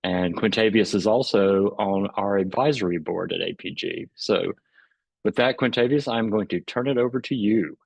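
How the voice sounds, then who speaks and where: A man's voice: on the low side, moderate pace, creaky, husky, no room sound. A man hosting an artist talk over a video call, chatting casually with many filler words and frequent laughter. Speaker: host and moderator of an artist talk. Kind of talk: casual presenting.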